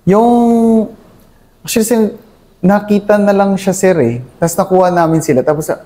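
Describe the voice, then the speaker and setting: A man's voice: sits high, normal speed, mellow. A young Filipino army captain being interviewed, recounting his service in a deferential, hesitant way and calling the interviewer "sir" in nearly every line. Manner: deferential, says "sir" constantly, hesitant with many fillers.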